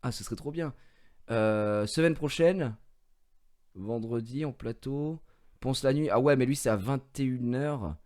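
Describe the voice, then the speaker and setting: A man's voice: mid-range voice, measured pace, darkish tone. A young man chatting casually on a live stream, telling an anecdote and acting out the people he quotes.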